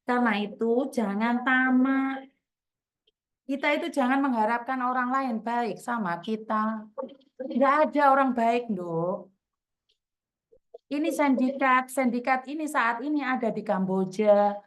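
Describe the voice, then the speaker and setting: A woman with a fairly high voice hosts a call-in chat and lectures a caller bluntly. She fires rhetorical questions and softens them with repeated endearments, sounding stern rather than gentle. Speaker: host counseling a caller. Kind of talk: scolding advice on a call-in chat.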